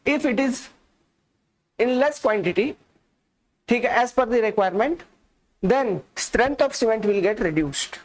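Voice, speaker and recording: A male instructor giving a live online lecture, speaking slowly and softly on purpose and dictating notes by repeating key terms. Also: very high voice. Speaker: exam-prep instructor.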